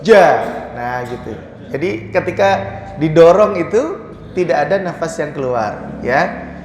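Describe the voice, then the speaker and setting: A man teaching a Quran recitation class, repeating sounds slowly in drills and talking casually with many "ya" and "gitu" fillers. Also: a little high, lively intonation, darkish tone, roomy sound, big-room sound. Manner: drawn-out pronunciation drills, frequent "ya" and "gitu". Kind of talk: casual tajwid lesson with demonstrations. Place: prayer room, indoors.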